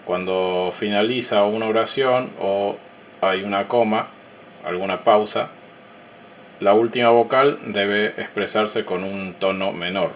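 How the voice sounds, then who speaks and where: In a slightly low voice, a man calmly explains his electronics project step by step, leaving pauses between thoughts. The demo narration has a faint hiss running underneath.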